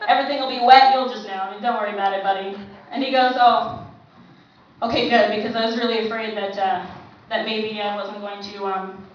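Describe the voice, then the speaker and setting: A woman's voice: medium pitch, fairly even intonation, normal speed. A female comic hosting a show, telling a stand-up story and laughing often as she goes. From Canada. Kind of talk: stand-up comedy routine. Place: comedy club stage. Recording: echoey club from far off, dull muffled sound, background noise.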